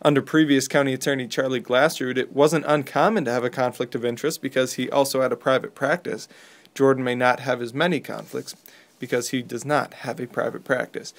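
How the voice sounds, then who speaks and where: A man's voice: mid-range voice, steady tone, brisk. A man with an American accent reading scripted local news as a radio newsreader.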